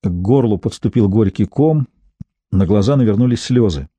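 A man reading a thriller audiobook in scripted narration, measured and even. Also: on the low side, dry recording.

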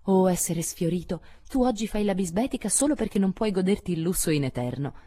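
A brash, teasing tomboy of a teenage girl, as a woman reader puts her on, her pitch nudged up from a low, mellow base. She sounds spirited and blunt, never delicate, in a storybook reading. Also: expressive, a little fast, slightly rough.

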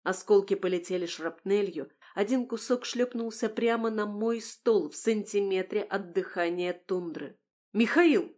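Woman narrating an audiobook, wry and expressive, middle pitch voice. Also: moderate pace, few pauses. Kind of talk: first-person audiobook narration.

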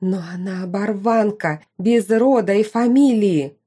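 A woman voicing a haughty, scheming duchess who talks in a shrill, indignant way in an audiobook. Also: unhurried, mellow, slightly rough. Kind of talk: audiobook character reading.

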